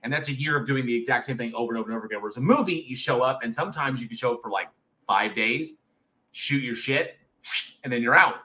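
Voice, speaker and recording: This horror review co-host, a man in his thirties, talks fast in a medium-pitched, sharp voice on a casual live chat show, and the recording is rough. He speaks candidly, cursing freely and frequently starting sentences over.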